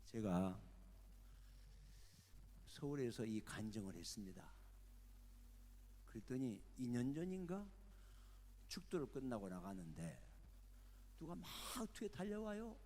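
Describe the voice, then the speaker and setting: An older pastor telling a dramatic testimony story in a sermon and acting out the characters. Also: male voice, medium pitch, big pitch swings, a little slow, pauses often, dark tone. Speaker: senior pastor. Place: church sanctuary. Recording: echoey church hall.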